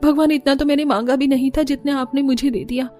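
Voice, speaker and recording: A woman's voice: high-pitched, steady tone, fast, darkish tone, soft background music, natural voice. A woman voicing a timid young orphan bride in a cartoon story, anxious and apologetic. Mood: wondering. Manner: apologetic, tearful pleading.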